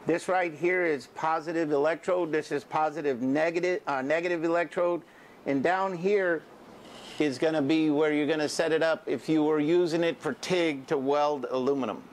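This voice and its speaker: A man's voice: on the high side, fairly even intonation, normal speed, a little hiss or hum. An older man, a welding teacher, explaining steps to a class in a casual, folksy way, often checking in with "okay". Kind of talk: classroom instruction. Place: school welding shop and classroom, indoors.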